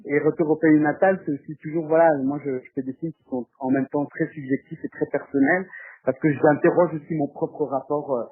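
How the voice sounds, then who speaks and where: A French documentary filmmaker answers interview questions off the cuff, hesitating and repeating words while he hunts for the right phrasing. His voice is husky, fairly high, and steady, and he talks rather fast. The audio is muffled and narrow, like a phone line.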